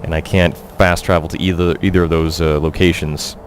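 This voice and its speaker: A young man doing casual, halting, sardonic commentary as he live-streams a video game. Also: deep voice, flat delivery, slight background noise. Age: young adult.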